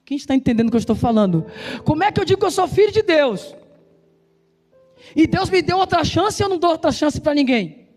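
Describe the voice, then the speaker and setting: A man with a striking, very high voice preaches in a Brazilian Portuguese accent, fast, loud and emphatic. He keeps throwing questions back at the congregation. The sound rings with a long church reverb over faint instrumental music. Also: animated. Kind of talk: sermon.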